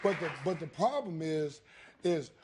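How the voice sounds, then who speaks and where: A man's voice: fairly high pitch, expressive, measured pace, heavy background noise. A man giving aggrieved testimony as a husband in a TV court, complaining and pleading, often repeating himself. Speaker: husband as litigant on a court show. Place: TV courtroom studio.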